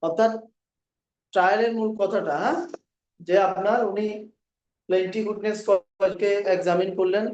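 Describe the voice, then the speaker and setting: A male law lecturer with a Bangladeshi accent, giving a classroom lecture, dictating legal phrases slowly and often checking that students follow. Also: high voice, steady tone, darkish tone. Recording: distant, echoey, dull room recording.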